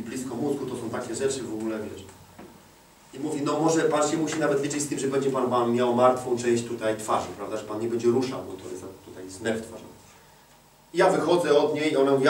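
A man's voice: medium pitch, slight background noise. Preacher man in an echoey hall. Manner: swings from hushed confiding to loud, slow, emphatic preaching; addresses listeners directly and colloquially. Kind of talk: sermon testimony. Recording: echoey hall, mic at a distance.

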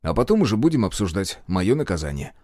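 Brash young hero, earnest yet cheeky, low lively voice, dry booth sound, read by a male narrator. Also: fast talker, dry recording. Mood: defiant. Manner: earnest, defensive, casual. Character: cheeky young man, earnest but insolent. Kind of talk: audiobook character voice.

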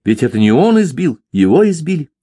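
A man's voice: fairly high pitch, sing-song, brisk, dark tone, husky, dry recording, clean studio sound, voice pushed up. A man voicing the victim's indignant son, who protests in agitated outbursts.

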